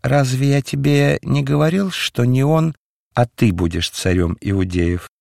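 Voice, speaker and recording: Cryptic, unflappable stranger for an audiobook, calm and mocking, read by a man. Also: mid-range voice, unhurried, vocal fry, no echo, clean studio sound, pitched above the performer's own voice. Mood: cryptic, wry. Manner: calm, dispassionate, faintly mocking.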